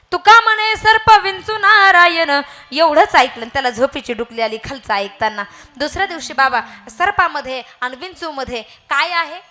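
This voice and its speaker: A woman's voice: high-pitched, pushed and bright. A woman preacher giving a devotional kirtan sermon, telling stories and building emphasis through repeated phrases. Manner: storytelling with rising emphatic repetitions.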